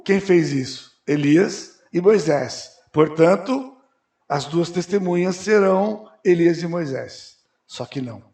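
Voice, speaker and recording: High gravelly preacher in a hall. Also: male voice. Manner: questions the audience and answers himself, bursts into loud emphatic rises. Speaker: pastor. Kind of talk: expository Bible teaching at a conference. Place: church auditorium. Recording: roomy church hall.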